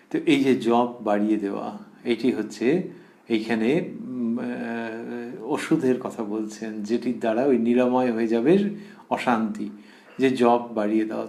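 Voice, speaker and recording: A man giving a devotional discourse, reading quotes slowly and then explaining them calmly. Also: mid-range voice. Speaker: religious speaker. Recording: echoey room.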